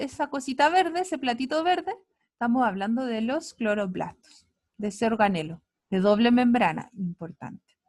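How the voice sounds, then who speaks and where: Chilean lady teaching science online over a computer mic, keeps checking in and cheering the kids on. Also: high-pitched. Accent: Chilean Spanish. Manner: checks in often with quick tags, upbeat praise. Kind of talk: online class.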